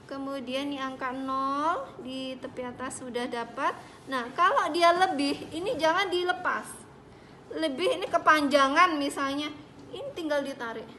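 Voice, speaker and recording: A woman's voice: high-pitched, sharp tone. A woman instructor demonstrating a prenatal exam step by step and checking that her students understand. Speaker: midwifery instructor. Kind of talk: hands-on clinical demonstration. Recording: echoey room with background noise.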